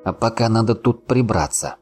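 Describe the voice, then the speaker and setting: A man voicing a weary young soldier who speaks quietly and thoughtfully. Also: lowish voice, animated, moderate pace, soft background music, voice pushed up, lightly acted.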